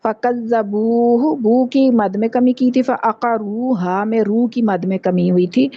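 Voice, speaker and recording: A woman teaching Quran recitation in an online class, explaining patiently and repeating sounds slowly to demonstrate. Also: fairly high pitch, fairly even intonation, husky, no echo. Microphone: video call. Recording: dull lo-fi call audio.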